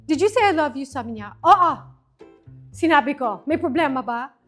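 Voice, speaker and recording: Brief: woman, 50s, high voice, animated storyteller in interview, switches languages. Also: moderate pace, soft background music. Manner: animated, mixes English and Filipino, acts out quoted lines. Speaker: interview guest.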